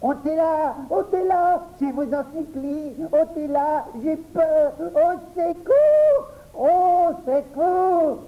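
A man's voice: very high-pitched, expressive, slow, few pauses, phone-quality sound, voice pushed up, heavily acted. A man doing a shrieking, terrified boy. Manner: pleading, hysterical. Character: panicked cowardly boy, shrieking for help.

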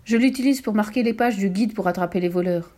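A woman's voice: mid-range voice, quick pace, mellow, close to an everyday voice. A woman voicing an earnest, somewhat flustered policeman in a storybook reading. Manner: earnest, apologetic.

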